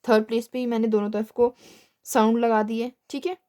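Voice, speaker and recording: Brisk and flat in delivery, a young woman with a mellow voice on the high side gives a step-by-step shorthand lesson. She asks herself questions, answers them patiently, and often says "ठीक है".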